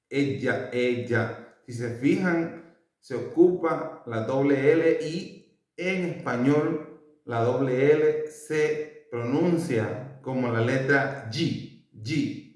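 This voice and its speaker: A man from El Salvador with a Salvadoran Spanish accent, giving a casual language lesson and repeating each word slowly for his learners. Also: medium pitch. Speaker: language teacher. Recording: very echoey room, voice far from mic.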